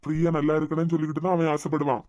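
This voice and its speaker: A man voicing a fast, high-voiced consoling brother. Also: little pitch movement, darkish tone, no echo, close to an everyday voice. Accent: Kanyakumari Tamil. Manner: earnest, reassuring. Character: consoling younger brother, earnest and firm. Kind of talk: cartoon web series dialogue. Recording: dull lo-fi sound.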